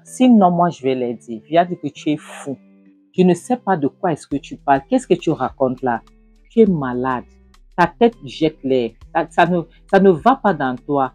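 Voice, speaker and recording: A woman retelling a film plot scene by scene, acting out the characters' shouted lines as she goes. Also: deep voice, breathy edge, dry recording. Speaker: film recap narrator.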